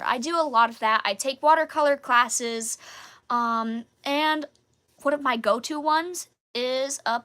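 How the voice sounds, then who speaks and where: Chatty girl in her 20s doing a live q&a, bright voice, lots of ums. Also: sits high. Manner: chatty, giggly, many fillers. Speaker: YouTuber answering viewer questions. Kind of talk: casual live Q&A.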